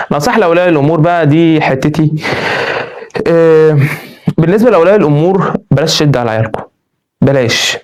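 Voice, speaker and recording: A young man with an Egyptian Arabic accent rattles off advice at a very quick pace. His voice sits a little high. He speaks earnestly and casually, as if he is talking right to the viewer. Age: young adult. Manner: rapid, animated, earnest, addresses listeners directly. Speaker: student vlogger.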